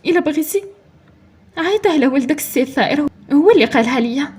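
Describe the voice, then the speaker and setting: A woman's voice: high-pitched, lively intonation, fast talker, a little mellow. A woman with a Moroccan accent voicing a middle-aged mother who has found her lost daughter, speaking tearfully and pleadingly.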